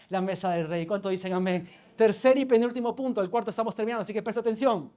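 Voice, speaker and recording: A man, a pastor preaching a sermon. He tells a personal story, calls for amens and often restarts his phrases. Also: very high-pitched. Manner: storytelling, calls for amen, self-correcting restarts.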